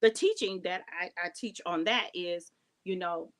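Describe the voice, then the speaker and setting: A woman appearing as a guest speaker who teaches in a deliberate way and repeats key points for emphasis. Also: lowish voice. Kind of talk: teaching talk.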